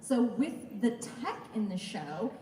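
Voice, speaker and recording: A woman interviewer putting measured questions to a guest at a fan convention. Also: mid-range voice, big pitch swings, warm tone. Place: large convention hall. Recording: roomy hall sound, mic from far off, faint crowd ambience.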